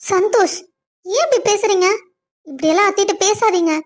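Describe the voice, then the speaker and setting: Brief: very high, sweet cartoon young wife with a Kongu Tamil accent, soft and patient, voiced by a woman. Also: a little fast. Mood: pleading. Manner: soft, pleading. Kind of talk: cartoon family drama voice acting.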